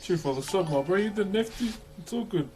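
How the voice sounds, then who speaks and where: A man's voice: sits high, animated, brisk, a little mellow, soft background music. A man with a broad New Zealand accent chatting casually on a livestream in a laid-back, chummy, slangy way. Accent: broad Kiwi. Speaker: livestreamer greeting viewers. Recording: noticeable background noise.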